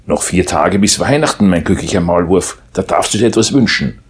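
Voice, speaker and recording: A man voicing a big, kindly old male Christmas bear in a storybook reading, grumbling gently in a fatherly way, with a husky voice. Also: low voice, lively intonation, fairly quick, heavily acted.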